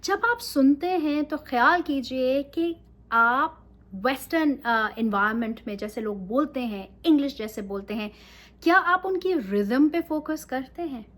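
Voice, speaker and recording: A woman's voice: high voice, animated, unhurried, fairly bright tone. A woman teaching English in a casual talk, mixing Urdu and English and often checking in with her listeners.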